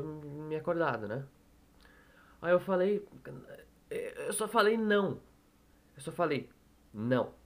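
A young Brazilian man with a slightly high voice tells a story into a desk microphone in his room at home. He rambles, swears freely and keeps correcting himself mid-sentence, in a loose, unscripted way. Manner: rambling, profane, self-correcting. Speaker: storyteller vlogger. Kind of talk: casual storytelling monologue. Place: room at home on a noisy street. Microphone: desktop microphone.

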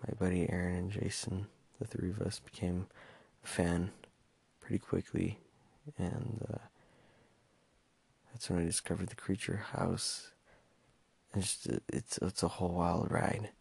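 A man's voice: low voice, flat delivery, measured pace, creaky, a little mellow, breathy edge, no room sound. A young man talking in a casual personal monologue, hesitant and stumbling over his words with many fillers. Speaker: podcast host.

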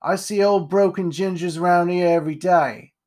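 A man voicing a cheeky young male street newsboy with a quick, saucy manner. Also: sits high, fairly even intonation, a little mellow, natural voice.

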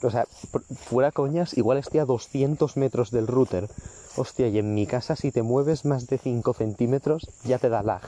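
A man's voice: mid-range voice, warm tone. A seventeen-year-old man, ranting profanely and self-mockingly in a casual podcast-style monologue, recorded outdoors in a garden. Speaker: vlogger.

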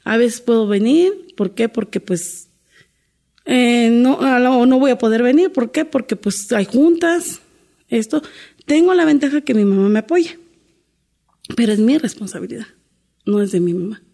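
A woman's voice: a little high, normal speed, creaky, mellow. A middle-aged woman, a domestic worker telling her life story in an interview, earnest and full of restarts. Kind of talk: candid interview conversation.

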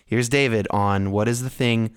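A man's voice: on the low side, fairly even intonation, moderate pace, clear, resonant tone. A man hosting a podcast, chatting casually with his co-host and introducing interview clips. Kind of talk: casual co-hosted podcast chat.

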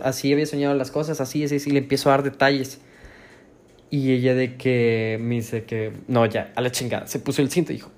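A man's voice: mid-range voice, a little mellow. Rambling young Mexican man telling a story. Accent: Mexican Spanish. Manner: rambling, slangy, many restarts and fillers. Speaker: podcast host. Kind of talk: casual storytelling podcast.

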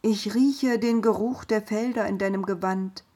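A woman voicing an old blind father who speaks slowly and solemnly, with a husky voice. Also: mid-range voice, steady tone, dark tone, voice pushed up, lightly acted. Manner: solemn, slow blessing voice.

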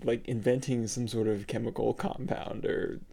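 A man's voice: medium pitch, level tone, normal speed, creaky, dark tone, husky. A young man co-hosting a podcast in casual chat, teasing his co-host with dry quips.

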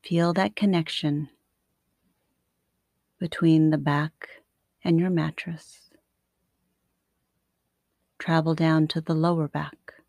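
A woman guiding a sleep meditation like a sleep story narrator, soothing and unhurried, with long pauses between short phrases. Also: low voice, flat delivery, darkish tone, dry recording, clean studio sound. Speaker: yoga nidra meditation teacher.

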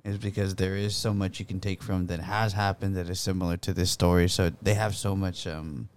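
A low-pitched man in a casual podcast conversation. He adds a considered point, following on from what was just said, with a few hesitations. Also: little pitch movement, fairly quick, clean tone. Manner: thoughtful, builds on others' points. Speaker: podcast co-host. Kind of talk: casual film discussion.

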